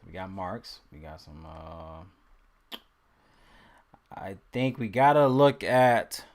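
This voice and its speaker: A man's voice: low-pitched, expressive, slow, darkish tone. A man hosting a casual fantasy sports live stream, talking loosely with slang and playfully repeating player names as he tries to say them.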